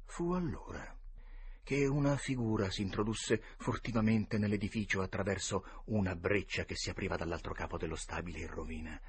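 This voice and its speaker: A man's voice: sits low, a little fast, breathy edge. A man narrating a classic novel as an audiobook with a dramatic, varied delivery. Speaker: audiobook reader. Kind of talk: expressive storybook narration.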